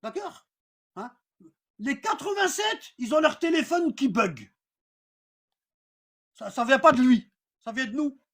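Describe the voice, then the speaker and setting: A woman's voice: high voice, lively intonation, measured pace, pauses often. A woman giving an informal live religious lesson in colloquial street slang, repeating phrases and often checking that listeners follow. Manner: repeats phrases and checks understanding with rhetorical questions. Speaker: religious teacher on a livestream.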